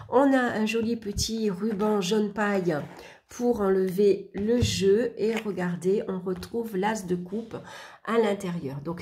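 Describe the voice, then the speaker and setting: A woman's voice: medium pitch, darkish tone, slight background noise. A woman giving a casual show-and-tell of a tarot deck, chatty and full of little asides.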